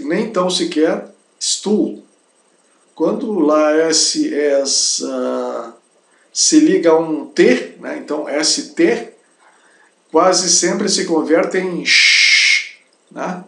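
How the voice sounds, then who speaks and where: A man's voice: a little high, slow, vocal fry. A man teaching a language lesson, saying each word several times and checking in with little tag questions. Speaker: German teacher. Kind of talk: slow spoken language lesson. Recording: roomy echo.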